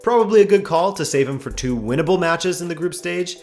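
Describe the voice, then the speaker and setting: A man hosts a daily football review show, reading a scripted match rundown sprinkled with dry, wry asides as his voice starts to give out a bit. He talks briskly with lively pitch swings, and faint music plays behind him.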